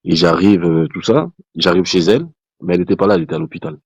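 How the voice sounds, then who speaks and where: Deep-voiced man telling a story. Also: fast, gravelly, husky, no echo. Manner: animated, many restarts, acts out quoted dialogue. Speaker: guest telling a personal testimony. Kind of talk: casual spoken storytelling.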